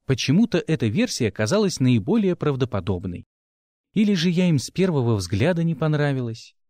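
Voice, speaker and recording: A man narrating an audiobook with expressive first-person storytelling. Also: on the high side, brisk, dry recording, clean studio sound.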